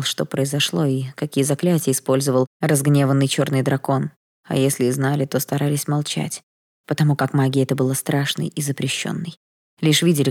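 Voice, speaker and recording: A woman narrating a fantasy audiobook in a steady, measured reading. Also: low voice.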